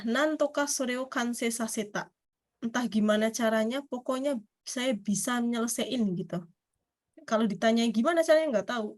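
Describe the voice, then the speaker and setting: A woman with a fairly high voice leads a relaxed Japanese lesson. She talks in a loose, chatty way and laughs often. When she reads example sentences she slows right down. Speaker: Japanese language teacher. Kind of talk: casual online class explanation.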